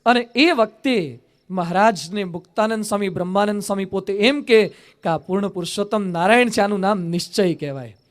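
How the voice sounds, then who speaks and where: Monk preacher, male, high voice, narrative sermon, quips and rhetorical questions. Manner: rhetorical questions and wry humorous asides. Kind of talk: storytelling sermon.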